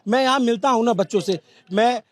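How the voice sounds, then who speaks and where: A man's voice: very high-pitched, a little fast. A man working as a journalist at a protest, talking earnestly and lecturing the crowd in a field interview.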